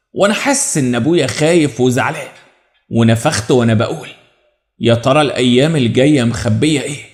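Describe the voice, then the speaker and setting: A man with an Egyptian Arabic accent narrating a dramatic first-person story in a measured storytelling manner. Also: mid-range voice.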